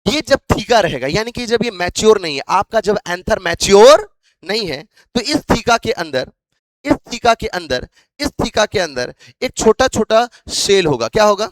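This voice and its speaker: High-voiced man drilling a biology class. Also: no echo. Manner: repeats questions to drill students. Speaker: biology teacher. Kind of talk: classroom lecture.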